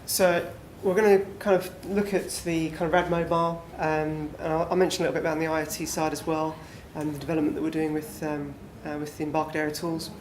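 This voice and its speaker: A man delivers a relaxed, conversational conference talk to a small group, packing it with fillers. He speaks fast on the high side with few pauses, in an echoey room with faint background noise.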